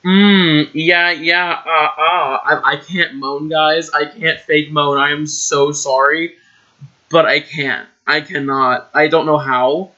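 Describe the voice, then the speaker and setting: A man's voice: a little high, little pitch movement, slow, pushed and bright. A young man reading his own old story aloud, breaking off for exasperated, cringing asides. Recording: dull lo-fi recording.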